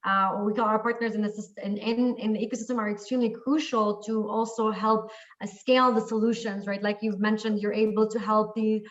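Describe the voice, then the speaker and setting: A woman's voice: medium pitch, flat delivery, fairly quick. Distant woman on a dull call line. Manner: conversational, with fillers like "um" and "right?". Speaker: platform partner representative. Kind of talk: webinar discussion.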